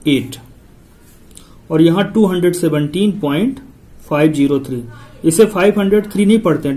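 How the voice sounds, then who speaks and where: A male tutor talks through a lesson step by step, repeating himself patiently. His voice sits somewhat high for a man, yet sounds mellow and soft-edged. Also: poor audio. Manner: patient, repetitive explaining, talking the viewer through each step. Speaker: maths tutor. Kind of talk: step-by-step maths lesson, counting digits aloud.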